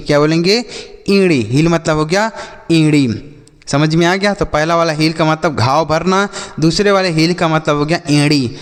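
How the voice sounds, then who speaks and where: A man teaching an English vocabulary lesson, spelling words letter by letter and asking questions that he answers himself. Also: on the high side. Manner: asks questions and answers them himself, addresses viewers as children. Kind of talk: classroom-style vocabulary lesson. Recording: long hall reverb.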